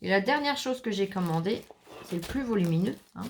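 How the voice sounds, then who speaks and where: A woman's voice: medium pitch, lively intonation, brisk, a little hiss or hum. A French woman chatting casually to viewers as she unboxes craft supplies, enthusiastic and talkative. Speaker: craft vlogger.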